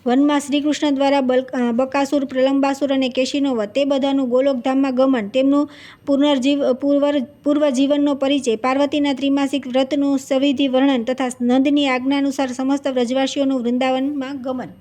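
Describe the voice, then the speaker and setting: A woman's voice: high voice, level tone, brisk, mellow, natural voice. A woman reading the lines of a divine male sage telling stories to his disciple in a devotional story. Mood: instructive.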